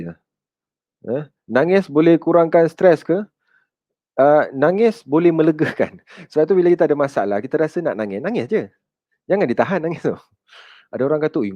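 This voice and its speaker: Speaking in a mellow, mid-range voice, a man with a Malaysian Malay accent holds a conversational counseling talk, fielding audience questions. He calls his listeners children and drops English words into his speech, and the dry recording sounds dull.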